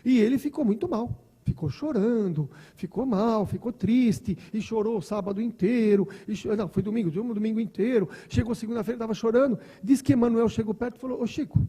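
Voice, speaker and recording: Man giving a relaxed storytelling talk. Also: high voice, a little fast, hardly any pauses, husky. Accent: Brazilian Portuguese. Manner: storytelling, conversational with asides and repeated words. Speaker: doctor. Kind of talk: spiritist lecture.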